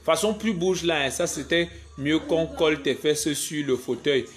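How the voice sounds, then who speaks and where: A man's voice: fairly high pitch, measured pace, over music. A young man from Cameroon with a Cameroonian French accent, chatting playfully on a live stream as a comedian and reading out viewer comments. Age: young adult. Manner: playful, joking, reads viewer comments aloud. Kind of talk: casual live-stream chat.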